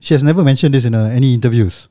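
A man's voice: medium pitch, very fast, dark tone, dry recording, clean studio sound. A man in his twenties with a Singaporean accent, joking in casual banter sprinkled with Malay-English slang. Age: 20s.

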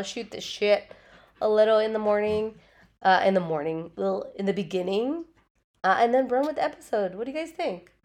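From home with her dogs nearby, a woman hosts her solo podcast in a casual, rambling way, swearing freely and leaning heavily on "like." Her mid-range voice has a darkish tone, her nose still stuffy and her voice just back after a cold.

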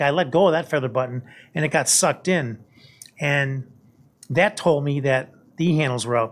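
An older man, a guest on a podcast, recounting his time as a hurricane hunter pilot in a casual, halting way, often repeating words. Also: medium pitch. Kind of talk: casual storytelling.

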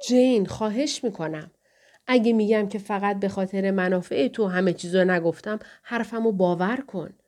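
Woman doing a pleading husband, earnest, talks it through steady. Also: medium pitch, lightly acted. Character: distressed man pleading with his wife. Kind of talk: audiobook dialogue reading.

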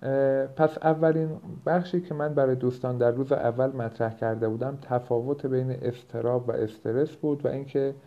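A dull, low-bitrate recording of a man with a mid-pitched voice. He talks as a coach hosting an informal podcast, explaining things step by step. His delivery has hesitant pauses and filler sounds. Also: fairly even intonation. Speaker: productivity coach and podcast host. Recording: low-bitrate, dull lo-fi home-edited audio.

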